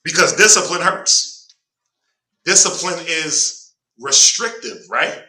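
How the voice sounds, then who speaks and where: His voice runs a little high, slow but animated, with a sharp edge. He's a Southern US man with a stuffy nose who clears his throat while teaching an informal Bible class, joking around and prompting a reader with "go ahead." The recording comes from a distant mic in a room full of echo.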